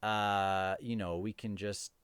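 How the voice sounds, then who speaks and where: A lowish, steady, fairly bright voice, clear and resonant, belongs to a book review show host who speaks slowly in a dry recording. He informally mulls over a book and reads passages aloud, occasionally stumbling over his words.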